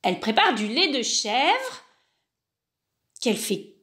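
A woman narrating a children's picture book in an unhurried way, adding sighs and little exclamations. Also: a little high, very animated, sharp tone. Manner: unhurried, with sighs and spoken interjections. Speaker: storyteller.

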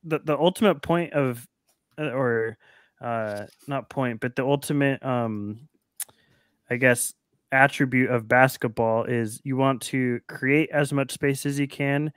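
Man, sports podcast co-host, clear smooth voice, dry close sound, careful long explanations. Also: medium pitch, a little slow, fairly bright tone, dry recording. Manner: thoughtful, explains at length with restarts. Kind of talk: casual sports talk. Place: home room on a video call.

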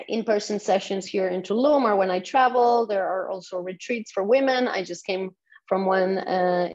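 Recorded in dull lo-fi sound from her Tulum home, this guest on a podcast interview is a sexuality coach from Poland. Her medium-pitched voice is a bit mellow, and she eagerly walks listeners through things one step at a time.

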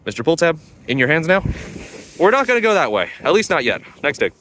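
A man's voice: fairly high pitch, big pitch swings, quick pace, pushed and bright, slight background noise. A young man hosting a metal detecting vlog outdoors at a beach. He talks in a chatty way straight to his viewers and narrates casually into a handheld phone. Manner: chatty, addresses viewers directly.

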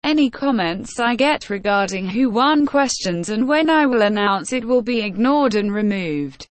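Flat synthetic woman's robot voice. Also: on the high side, normal speed, dry recording. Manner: flat synthetic text-to-speech reading. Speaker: gaming channel host. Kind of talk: scripted giveaway announcement.

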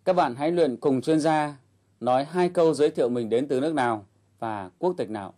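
Male lesson host, mellow and calm, explanatory delivery. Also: on the high side, brisk. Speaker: English teacher host. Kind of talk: instructional narration.

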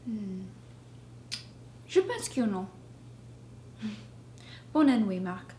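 A young woman, talking in a flat, detached, deadpan way, as in a mock art-film. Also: medium pitch, a little hiss or hum. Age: young adult. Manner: flat, detached, unhurried delivery. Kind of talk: deadpan art-film narration and phone scenes. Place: house kitchen, indoors.

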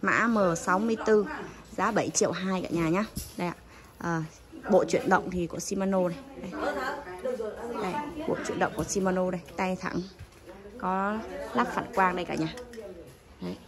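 Filming on the phone she holds, a woman selling bicycles lists her goods and prices for customers in a casual, polite manner. Her fairly low voice keeps a steady tone at normal speed with frequent pauses, and crowd noise fills this noisy handheld recording.

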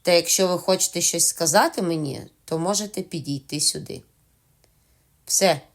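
A woman's voice: fairly low pitch, normal speed, creaky. A woman voicing a stern male ship captain who gives blunt, commanding orders in a storybook reading. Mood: cold.

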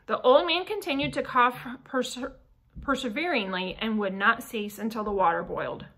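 Lady reading a classic novel out loud, bright voice, kinda high. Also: low-quality recording. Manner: measured, careful reading. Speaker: audiobook reader. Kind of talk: novel read aloud.

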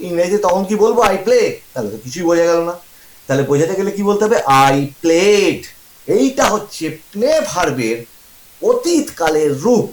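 Guy teaching a grammar class, high voice that swings up and down a lot, roomy echo. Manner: asks the class questions and answers them himself, repeats examples slowly. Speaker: English teacher. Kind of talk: classroom-style grammar lesson.

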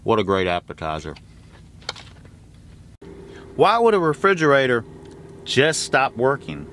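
Man, 40s, trucker vlogger; chatty and lively, with loud truck noise in the background. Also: medium pitch, a little slow. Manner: chatty, folksy, talks straight to camera. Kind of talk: casual cooking vlog. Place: truck sleeper cab, later outdoors at a fuel stop. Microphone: handheld camera close up. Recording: noisy truck and road ambience.

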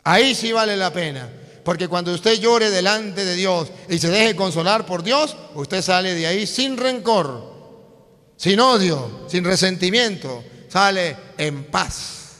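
A male priest with a high, bright voice preaches to young people at an unhurried pace. He is emphatic and repeats himself, speaking straight to the crowd. His voice rings with the long reverb of a large hall. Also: expressive. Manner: emphatic and repetitive, addresses the crowd directly. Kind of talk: lively sermon.

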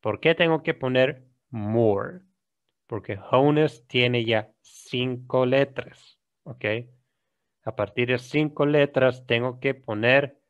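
A man with an Ecuadorian Spanish accent teaching an English grammar lesson, explaining in Spanish, reading examples slowly and often checking "¿sí?". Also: medium pitch, clear, resonant tone. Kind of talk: recorded classroom lesson. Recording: dull lo-fi recording.

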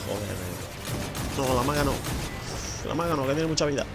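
Excitable swearing man from gaming. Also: medium pitch, normal speed. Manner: excitable, swears often, repeats words. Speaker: gaming host. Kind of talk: live gameplay commentary. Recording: loud game music behind.

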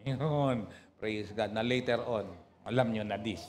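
A man in his sixties from Pangasinan, with a Pangasinan accent, preaching a lively call-and-response sermon and often laughing. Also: on the low side, a little slow, slight background noise. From Pangasinan, Philippines. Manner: animated, teasing, laughs often. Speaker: pastor.

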